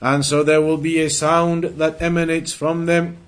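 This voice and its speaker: A religious teacher delivers an Islamic lesson in a higher voice, a little slow and flat. Between recited Arabic quotations he explains in English with emphasis, going back over his points and rephrasing them.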